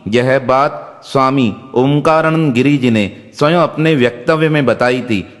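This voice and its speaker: A man tells devotional miracle stories in a solemn, steady scripted narration. His voice sits a little high for a man. A long reverb trails behind every line. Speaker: devotional storyteller.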